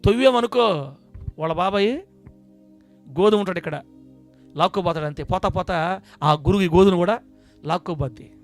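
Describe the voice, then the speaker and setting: High-pitched guy preaching at church, goes quiet then loud and emphatic, faint music in the back. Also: moderate pace, long pauses. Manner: preaches to the congregation, shifting from hushed asides to loud emphatic bursts. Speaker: pastor. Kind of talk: sermon. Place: church service before a congregation.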